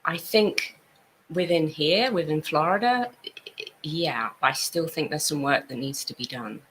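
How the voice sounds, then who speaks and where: A woman's voice: deep voice, measured pace, noisy background. A woman from Italy, a guest on a talk show, explaining her work in a friendly, earnest way. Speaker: guest, art events business owner. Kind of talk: casual chat.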